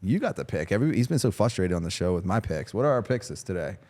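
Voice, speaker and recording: A man's voice: sits low, sing-song, fast talker, a little mellow. A man hosting a casual chat outdoors on a golf course, upbeat and laughing easily, rambling through explanations. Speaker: host.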